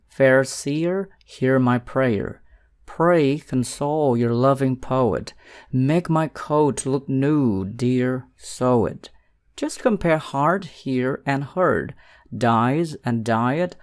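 Poem recitation, very slow pace, word-by-word, deliberate, mid-pitched voice. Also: a little mellow. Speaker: poetry reader.

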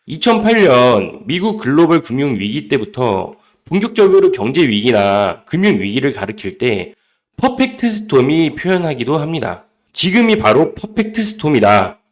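A man presenting scripted crypto market commentary, emphatic and full of rhetorical questions. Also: a little high.

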